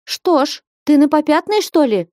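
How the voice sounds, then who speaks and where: A woman's voice: on the high side, expressive, measured pace, a little mellow, no echo, studio quality, voice pushed up. A woman reading an audiobook voices a bold, bossy young village woman who scolds and commands sharply. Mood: scolding.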